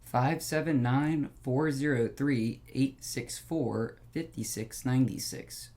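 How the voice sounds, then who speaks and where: A man's voice: mid-range voice, slow pace, a little mellow. A man, a caller, giving short, plain answers to automated prompts.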